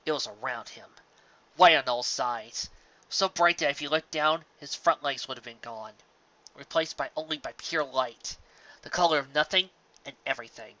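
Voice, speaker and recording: A man with a mid-range voice narrates scripted fiction at normal speed, telling the story dramatically and emphatically as he shifts between loud and hushed phrases. The sound is lo-fi.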